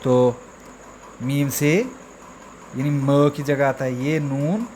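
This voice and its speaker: A man teaching the alphabet to beginners, sounding out each letter slowly and repeating example words with frequent check-ins. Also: medium pitch, a little mellow, a little hiss or hum. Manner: drawn-out, repetitive letter drills with frequent "theek hai". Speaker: Urdu teacher. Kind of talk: slow beginner alphabet lesson.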